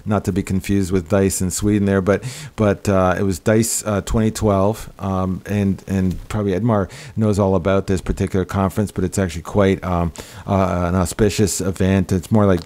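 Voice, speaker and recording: A low-pitched man hosting a casual roundtable conversation. He rambles and restarts his sentences often, and he laughs between points as he works his way toward a question. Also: little pitch movement, normal speed, hardly any pauses, darkish tone. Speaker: podcast host.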